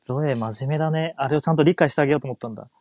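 Fast-talking man with quick backchannels. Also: a little high, darkish tone, no echo. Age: around 30. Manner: quick listener, constant short backchannels and teasing remarks. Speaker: podcast co-host. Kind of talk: casual chat.

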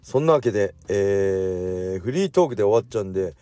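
A man in his forties hosting a casual solo radio talk, drifting faster as he goes and correcting himself mid-phrase. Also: fairly low pitch, expressive, dark tone, clear, resonant tone. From Japan. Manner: speeds up as he talks, with self-corrections. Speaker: radio show host.

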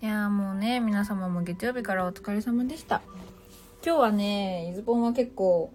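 A woman's voice: mid-range voice, normal speed, a little mellow, faint music behind. A woman hosting a casual livestream, chatting playfully, teasing listeners as she reads their comments and mixing in English phrases. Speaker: livestream host.

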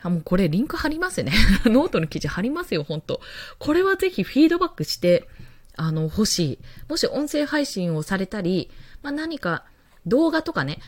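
A woman's voice: medium pitch, darkish tone, no room sound. A young woman hosting a casual live stream, chatty and laughing often, talking into a handheld mic. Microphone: handheld mic, moved around.

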